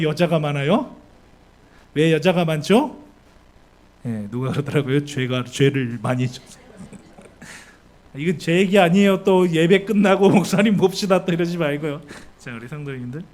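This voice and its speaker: A man preaching a sermon as pastor, asking his congregation lively questions and acting out the people in the story. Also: a little high, normal speed. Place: church sanctuary.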